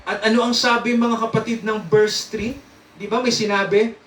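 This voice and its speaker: Male preacher, high bright voice, chatty teaching style, roomy distant recording. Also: little pitch movement, moderate pace, slight background noise. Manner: asks the congregation questions, frequent "no?" and "sir"; chuckles often while teaching. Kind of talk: interactive Bible teaching. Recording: echoey room, mic at a distance.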